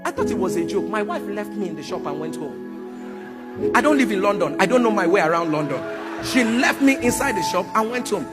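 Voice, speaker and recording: A man preaching, telling a personal story in an animated way with sound effects and bursts of shouting. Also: high voice, a little fast. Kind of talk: sermon storytelling. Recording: music playing underneath. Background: music.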